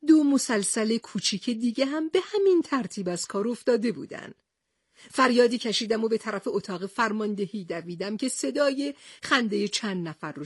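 Blustering storybook sea captain, loud and bossy, husky and swooping; a woman reader puts him on. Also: mid-range voice, dry recording, clean studio sound. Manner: shouting, bossy outbursts. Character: hot-tempered blustering male sea captain, middle-aged.

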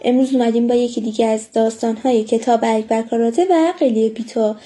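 High mellow woman reading stories. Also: steady tone. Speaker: audiobook reader. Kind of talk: storybook narration. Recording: faint music underneath.

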